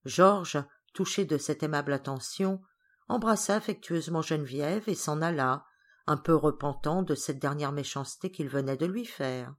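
A woman narrating a classic children's novel as an audiobook reader, calm and even. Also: low-pitched, moderate pace.

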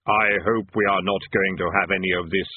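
A man voicing Death in a fantasy audiobook, a solemn, courteous grim reaper who speaks slowly and gravely. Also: deep voice, fairly even intonation, a little hiss or hum, voice pushed down, natural voice. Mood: grave, disdainful. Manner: grim reaper voice, slow, solemn, drawn-out delivery. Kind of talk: audiobook character voice in comic fantasy. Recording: band-limited, phone-like audio.

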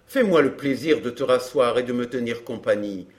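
A man voicing a smug, scheming fake baron, smooth and mocking in an audiobook drama. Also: medium pitch, normal speed, lightly acted.

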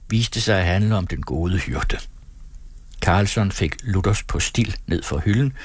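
Male audiobook narrator, low, slightly husky, steady and measured, dry close read. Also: no echo.

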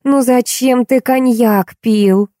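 A tired middle-aged woman, patient but worn thin, talking a hothead down in a slightly raised voice, as a woman reads her in an audiobook. The tone is warm and mellow, and the recording is close and dry. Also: a little high, fairly even intonation, takes it slowly, dry recording, pitched above the performer's own voice. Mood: exasperated. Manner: patient, then exasperated.

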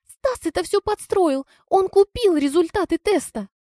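A woman reading an audiobook, voicing a shrill, scheming young woman who shrieks when her lies come out. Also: animated, measured pace, warm tone, no echo, studio quality. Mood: shrieking. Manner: shrieking, hysterical. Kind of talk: audiobook character voice.

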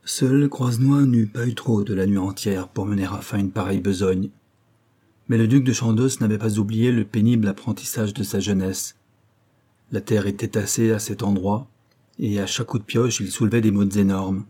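A man narrating a novel as an audiobook in a steady, measured reading. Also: on the low side, husky.

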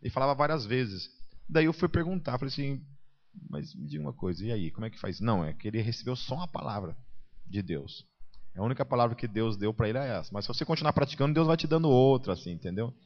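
A man's voice: mid-range voice, animated, fast talker. A man with a Brazilian accent preaching a conversational sermon. He keeps checking in with his listeners and acts out the people he quotes. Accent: Brazilian Portuguese. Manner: chatty, tags nearly every sentence with a question, acts out quoted people. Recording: muffled event recording.

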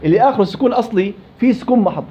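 A man's voice: high voice, lively intonation, rapid-fire, a little hiss or hum. A man teaching tajweed rules to a class, quizzing students and drilling examples aloud. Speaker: Quran recitation teacher. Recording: dull lo-fi classroom recording.

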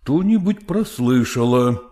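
A man's voice: mid-range voice, expressive, measured pace, mellow. A man voicing a condescending, evasive professor who soothes and patronizes a jealous woman, reading an audiobook. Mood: patronizing. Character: condescending middle-aged male professor, evasive.

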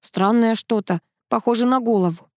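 A shy young nanny from an audiobook, read by a woman. She speaks softly and uncertainly in a fairly high, dry voice. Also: moderate pace, dry recording, natural voice. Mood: timid.

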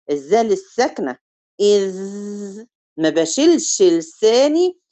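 A woman with an Egyptian Arabic accent quizzes students in a recitation review, elongating sample words slowly to show them. She speaks in a mid-range, darkish voice, and the sound is lo-fi.

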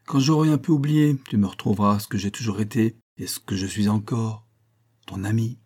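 Storybook role: man reading a cutting older man, low dark voice, sarcastic. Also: a little fast, breathy edge. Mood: resigned. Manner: sarcastic, lecturing. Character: old man Liénard, bitter and cutting.

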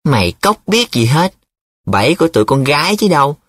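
In an audiobook, a man voices a teasing, dramatic young male student who is playful and showy, turning sing-song when he recites. His mid-range voice is expressive, brisk and a bit bright, captured in a dry, studio-quality recording.

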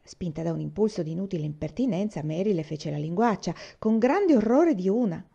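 A woman reading a novel aloud in a calm, even storytelling manner. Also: fairly low pitch, a little fast, creaky, slightly rough, dull audio. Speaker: audiobook reader.

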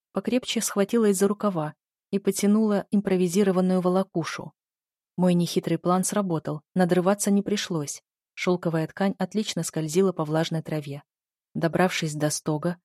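A woman narrating a first-person audiobook in a measured, even storytelling manner. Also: fairly low pitch, no room sound, clean studio sound.

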